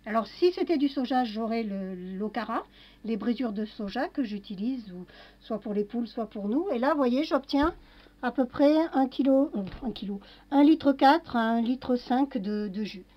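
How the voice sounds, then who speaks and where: A woman's voice: fairly high pitch, lively intonation, normal speed. Chatty woman demonstrating in a kitchen. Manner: chatty, narrates each step with little fillers. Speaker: home cooking vlogger. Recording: dull lo-fi home recording.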